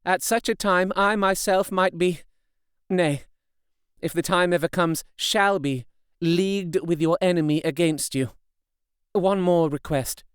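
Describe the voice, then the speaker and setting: In a dry, studio-quality audiobook recording, a man voices a devoted young wife, pitching his voice higher than his own. His delivery is unhurried, smooth and fairly even in intonation, carrying earnest, tender pleading in a solemn mood.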